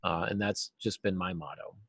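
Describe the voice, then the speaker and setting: This middle-aged American novelist and teacher, from the United States, has a voice that sits low yet a bit bright, with a breathy edge, at normal speed. He speaks casually and thoughtfully as an interview guest on a video call from a small cluttered office indoors, and the recording is dry with clean studio sound.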